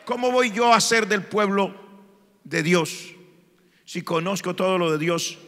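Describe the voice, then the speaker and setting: A man preaching a sermon as pastor of a church, building from calm passages to fervent shouted appeals. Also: high voice, unhurried. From Colombia. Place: church sanctuary. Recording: long church hall reverb.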